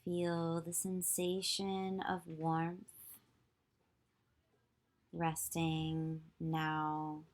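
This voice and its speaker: With a low, monotone voice, a woman who teaches yoga leads listeners through a guided visualization. Her soothing directions come slowly, with lengthy pauses between them.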